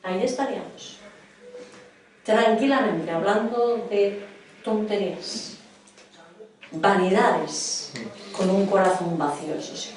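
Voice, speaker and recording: A woman's voice: on the low side, a little mellow, recorded from a distance, slight background noise. A middle-aged woman from preaching a sermon in a church hall, earnestly questioning her congregation. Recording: echoey hall, voice from afar.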